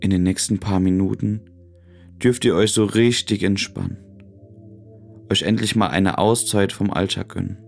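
A man narrating a guided relaxation in a calm, gentle, soothing way, with long pauses. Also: sits low, vocal fry, faint music behind. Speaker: podcast host.

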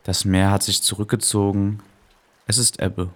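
A man softly and calmly narrating a guided meditation in a soothing manner, as the host of a relaxation podcast. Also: fairly low pitch, normal speed.

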